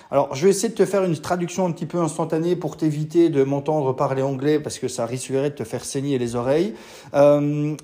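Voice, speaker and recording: Man, podcast host, solo casual talk, hesitant restarts, slightly high mellow voice. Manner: casual, many fillers and restarts.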